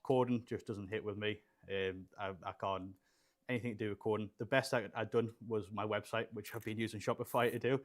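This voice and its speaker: In a small studio room lined with shelves, a young adult man from Poland who grew up in England hosts a casual livestream while building gaming PCs. His voice is fairly low and steady, and he talks briskly, chatting and rambling with fillers as he reads the chat aloud.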